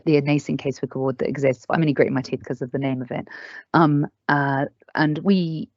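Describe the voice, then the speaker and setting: Through flat, dry, low-fidelity video-call sound, a woman whose voice sits low and a little mellow presents at an online learning session. In the Q&A she is candid and sincere, speaking emphatically about staff and families.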